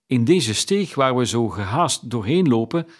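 A man voicing an old miserly man, now anxious and pleading, in a slow audiobook reading. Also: medium pitch, expressive. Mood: urgent, pleading.

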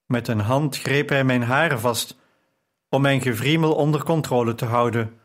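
Man with an evenly measured reading voice. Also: medium pitch. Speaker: audiobook narrator. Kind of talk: scripted narration.

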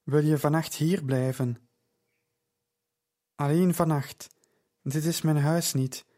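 A man's voice: a little high, steady tone, takes it slowly, mellow. A man reading a weary, kind-hearted woman. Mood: dry kind.

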